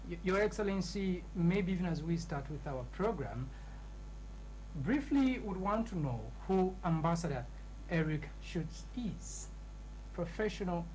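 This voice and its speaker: A woman's voice: on the low side, expressive, measured pace, darkish tone, a little hiss or hum, poor audio. A woman hosting a TV talk show in a studio, speaking in a formal, ceremonious way.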